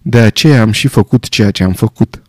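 A man reading the part of an old army general, speaking quietly, gravely and reflectively. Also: on the low side, dry recording, studio quality, lightly acted. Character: old male army general, calm, weary, haunted.

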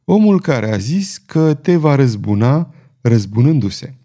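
A man's voice: mid-range voice, very animated, dark tone. Cool, mocking swordsman hero, commanding and ironic, read by a man. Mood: cold.

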